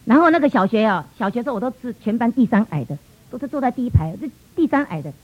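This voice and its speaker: A middle-aged woman with a Taiwanese Mandarin accent tells a church testimony at a brisk, tumbling pace, in a voice pitched somewhat high. She brings the story to life by acting out what her relatives and children said. The recording is muffled and lo-fi. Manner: lively storytelling, acting out family dialogue. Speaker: church speaker giving testimony.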